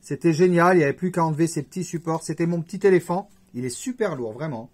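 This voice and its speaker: A man's voice: a little high, fast talker, a little mellow. A man chatting casually to his viewers as a YouTuber, rambling with jokey conversational asides. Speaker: YouTuber host. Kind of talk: casual vlog chat to camera.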